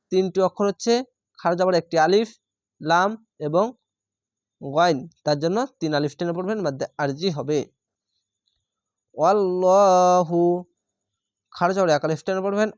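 A man's voice: fairly high pitch, no room sound, clean studio sound. A man teaching Quran reading, spelling out each word syllable by syllable, stretching the vowels and repeating them patiently before explaining the rules.

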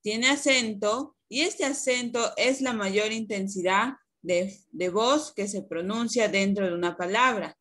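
A woman's voice: medium pitch, unhurried, few pauses, fairly bright tone. A woman primary school teacher giving an online lesson over a video call, explaining patiently and asking rhetorical questions.

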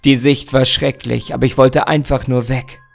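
A man's voice: flat delivery, moderate pace, vocal fry, soft background music, natural voice. A man reading aloud, voicing a shaken, haunted man who speaks grimly and heavily. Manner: grim, low and heavy.

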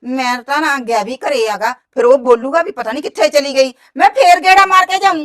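A woman's voice: high voice, fairly quick, a bit bright. An actress playing a sly, meddling village woman who stirs up trouble, speaking. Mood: wheedling. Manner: wheedling, reports others' words. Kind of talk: village drama dialogue.

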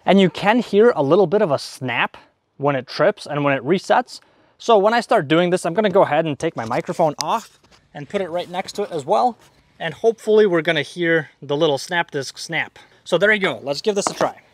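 Fairly high-pitched and quick, with lively intonation, a man in his thirties hosts a DIY repair video. Seated at a table in a leafy garden outdoors, he walks through a hands-on job step by step in plain, informal language, wearing a clip-on wireless mic on his chest.

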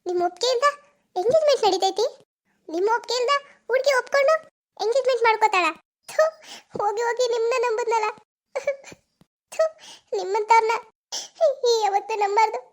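A voice actor doing a heartbroken, very high-voiced village girl. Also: a little fast. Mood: sobbing accusation. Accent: North Karnataka Kannada. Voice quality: very high, sobbing pleas. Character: young village woman in love, betrayed and distraught. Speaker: lover. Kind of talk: cartoon voice acting.

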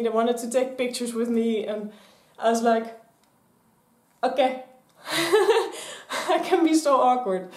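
Speaking in a fairly high voice, this twenty-something woman from the Netherlands rambles chattily to the camera propped on a stand before her, her hands moving constantly. It's a casual vlog filmed in a cramped craft room with shelves and mannequins, and the audio echoes.

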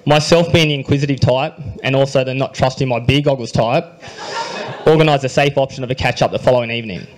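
A young Australian man reading his wedding speech into a handheld microphone at a reception, with dry humor and a quietly emotional delivery. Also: mid-range voice, fast, rough recording. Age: young adult. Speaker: groom giving a wedding speech. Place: wedding reception hall, indoors.

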